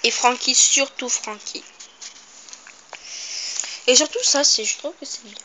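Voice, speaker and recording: A woman's voice: high voice, unhurried, bright, forceful tone. A female vlogger in a casual show-and-tell home video who chats to viewers, mutters to herself while counting and often corrects herself. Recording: noisy home recording.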